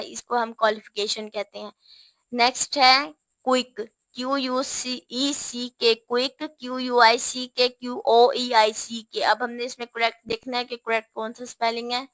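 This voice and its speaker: A woman with a Pakistani Urdu accent teaching English spelling, spelling words out slowly letter by letter. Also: on the high side, fairly bright tone, no room sound. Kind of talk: spelling lesson.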